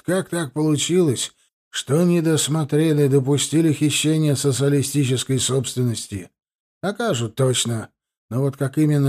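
A man's voice: mid-range voice, warm tone, natural voice. A man reading as a grave, stern factory boss.

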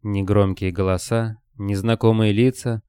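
A man reads a novel aloud in a low, mellow, smooth voice with measured, expressive delivery. The recording is close and dry, with no room sound. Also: dry recording. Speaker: narrator. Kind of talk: scripted audiobook narration.

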